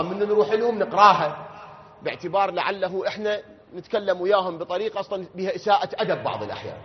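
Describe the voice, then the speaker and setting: Iraqi preacher, quick and rising to shouts; lo-fi recording in a reverberant hall. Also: male voice, sits high, slightly rough. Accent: Iraqi Arabic. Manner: swings from quiet explanation to loud emphatic questions. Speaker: cleric. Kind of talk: religious lecture.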